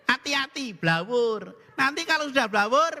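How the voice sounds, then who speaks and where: High, bright-voiced priest joking in a reverberant hall. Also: male voice, expressive, moderate pace. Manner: jokey storytelling, acting out dialogue. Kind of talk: humorous sermon.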